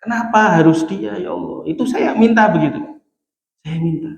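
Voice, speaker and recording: A man's voice: high voice, normal speed, vocal fry, muffled recording. Echoey man preaching in a mosque hall. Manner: animated, acts out dialogue, chuckles at own jokes. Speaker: Islamic preacher. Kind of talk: conversational sermon with storytelling.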